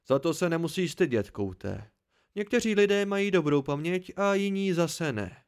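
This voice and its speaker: A boastful old village storyteller, as a man puts him on in a homemade audiobook. The voice rides high and loud, pushing each line out with pride. Pitch climbs above the reader's own. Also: animated, clear, resonant tone.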